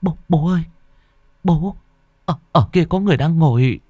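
A man's voice: on the high side, normal speed, mellow, no room sound, studio quality, pitched above the performer's own voice, close to an everyday voice. A man voicing a frightened young village girl who stammers in panic in a spoken ghost story. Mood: terrified.

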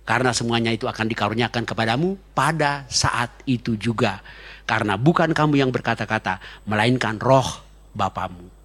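A man preaching a sermon as pastor, fast-talking and joking, chatty with his congregation. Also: mid-range voice, a bit bright, breathy edge. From Indonesia.

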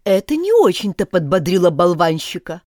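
A woman narrating a children's audiobook with expressive storytelling. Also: fairly low pitch, normal speed, dry recording, studio quality. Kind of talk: scripted narration.

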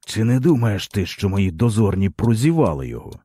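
A man's voice: on the low side, sing-song, fairly quick, warm tone, breathy edge, no room sound, clean studio sound. A man voicing a harsh young rebel commander who speaks coldly and menacingly in an audiobook. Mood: stern cold. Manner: stern, menacing.

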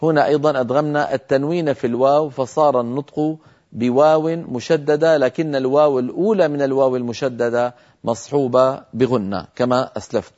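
In a televised recitation lesson, a man with a mid-range voice calmly explains each rule, then demonstrates it slowly with long, drawn-out nasal sounds. The broadcast audio is muffled.

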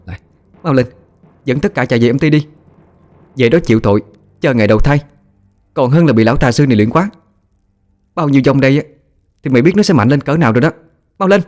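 A man's voice: mid-range voice, expressive, fast, pauses often, darkish tone, soft background music, pitched above the performer's own voice, close to an everyday voice. A man voicing a fierce female exorcist in an audio horror story, barking orders and scolding. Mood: urgent.

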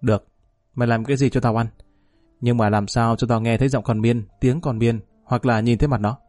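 A cold, threatening man growls his lines low and harsh, as a male narrator puts him on. The voice sits deep and mellow in tone, dry and close, with faint music underneath in this audio story. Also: fairly even intonation, a little fast, no echo, lightly acted. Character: cold menacing male police gangster.

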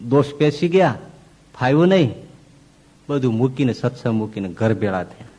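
Husky-voiced man giving an animated sermon. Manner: animated, swings between loud emphasis and soft low asides. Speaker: swami preacher. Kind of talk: devotional sermon storytelling.

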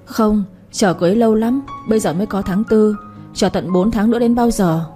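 A woman's voice: medium pitch, brisk, mellow, soft background music, natural voice. A woman voicing a cunning, pouty young village woman. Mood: wheedling. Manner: pouting, insistent.

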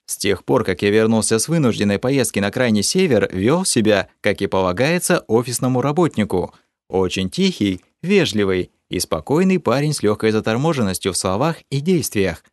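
A man reading a first-person audiobook in an animated storytelling manner. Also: lowish voice, moderate pace, no echo, studio quality. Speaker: audiobook narrator.

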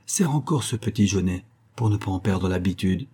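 A man voicing a gruff, commanding male convict leader who gives curt, imperious orders. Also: low voice, expressive, normal speed, warm tone. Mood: sly.

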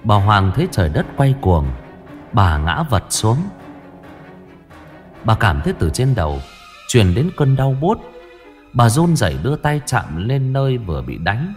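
A man narrating a dramatic audio story in an expressive, dramatic way. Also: lowish voice, unhurried, pauses often, faint music behind.

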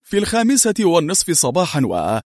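Man playing calm male agent hero, terse, husky, dry storybook recording. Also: a little high, quick pace, dry recording. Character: cool-headed male secret agent hero.

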